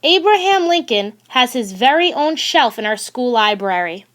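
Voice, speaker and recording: A woman with a fairly high-pitched voice reads a children's picture book aloud as an audiobook narrator. Her storytelling is deliberate and expressive.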